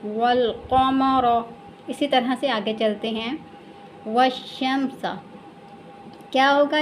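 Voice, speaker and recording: A woman with an Urdu accent teaching Quran recitation in a lesson, explaining patiently and repeating each word slowly and drawn out. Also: a little high, a little hiss or hum. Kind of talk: slow step-by-step recitation lesson.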